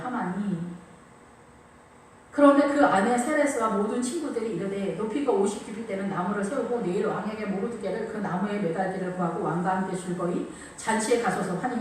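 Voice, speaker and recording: Heard from afar in a reverberant church with faint ambient sound and a touch of hiss or hum, a woman preacher gives a spirited sermon. Her voice sits at medium pitch as she repeats phrases and acts out quotes.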